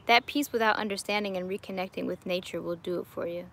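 Outdoors in her home garden, a woman in her late twenties answers live chat as a YouTuber, filming on a phone or webcam held at arm's length. She's upbeat and laughs a lot, talking fast in a mid-range, gravelly, slightly bright voice with a steady tone.

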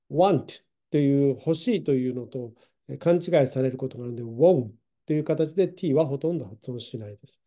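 Mellow-voiced man teaching English grammar. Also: mid-range voice. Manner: patient, explanatory, with many fillers. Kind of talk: online English grammar lesson.

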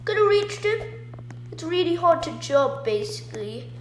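A young girl of about nine giving bubbly, excited commentary while playing a game, exclaiming and gasping often. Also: extremely high pitch, normal speed, echoey room, a little hiss or hum. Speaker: gaming YouTuber.

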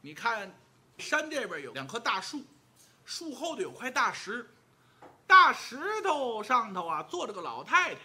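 A man voicing a sly, teasing male scholar in yellow robes who talks in a mocking, knowing way. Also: very high-pitched, big pitch swings, measured pace, heavily acted.

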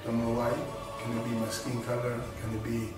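A man's voice: medium pitch, monotone, brisk. Rambling man in a very echoey room. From Senegal. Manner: rambling, repeats and restarts phrases. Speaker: boxer and rapper introducing himself. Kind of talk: casual self-introduction to camera. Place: indoors, in front of a studio backdrop. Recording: very echoey room from a distance, music behind.

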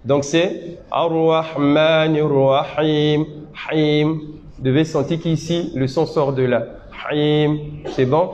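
A man teaching religion at a seminar, patiently explaining and checking with his audience, demonstrating Arabic sounds slowly. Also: fairly high pitch, steady tone, a little mellow. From Côte d'Ivoire. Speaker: Islamic teacher. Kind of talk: religious teaching and Quran recitation lesson. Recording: dull lo-fi seminar recording with faint noise.

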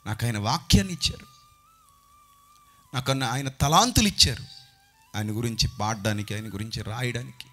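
A man preaching a sermon into a handheld microphone, impassioned, rising to loud outbursts and dropping to near-whispers. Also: medium pitch, lively intonation, normal speed, pauses often, faint music behind.

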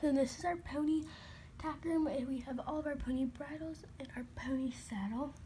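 A woman's voice: high-pitched, normal speed, slight background noise. A woman casually narrating a tour of her toy horse barn, listing items in a chatty way and sometimes dropping to a whisper, recorded on a handheld phone indoors. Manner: chatty listing, soft at times, slips into whispers. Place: carpeted room at home, indoors. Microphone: handheld phone camera, unseen speaker.

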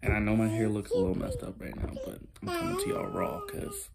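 A young man vlogging at home early in the morning, talking in a hushed, rambling, slangy way about spiritual ideas. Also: wildly swooping pitch, fairly quick. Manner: rambling, hushed and low-key, with slangy asides. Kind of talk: casual spiritual monologue to camera. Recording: loud background noise.

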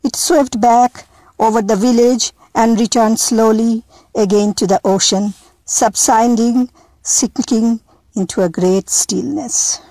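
A woman reading a storybook aloud in a slow, deliberate manner, addressing listeners as a storyteller. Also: a little high, steady tone, warm tone, no room sound, rough recording.

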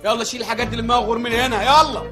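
A man's voice: very high-pitched, steady tone, racing, over music. An actor playing a pious, fussy chicken-shop owner who worries about his son, speaking in Egyptian Arabic and scolding, pleading and fretting. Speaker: comic lead in a TV comedy series. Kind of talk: sitcom comedy acting.

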